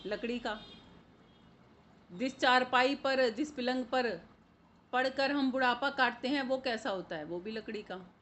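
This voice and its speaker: Slow, measured woman preaching. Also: on the high side, a bit bright, a little hiss or hum. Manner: slow, measured, chants couplets in drawn-out cadence. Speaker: spiritual preacher. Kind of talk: devotional sermon.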